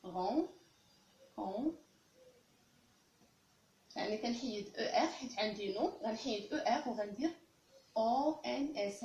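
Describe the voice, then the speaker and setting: A woman with a Moroccan Arabic accent teaches French grammar step by step, slowly and carefully repeating every example phrase. Her voice is on the high side, and the room sounds echoey.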